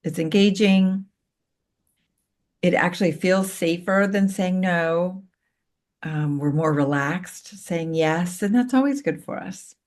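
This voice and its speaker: A middle-aged woman with a slightly low voice speaks as a coach on a podcast. She explains her ideas in a calm, gentle way and uses plain everyday examples to make each point. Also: slow. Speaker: co-parenting coach and author. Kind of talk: interview guest explaining ideas.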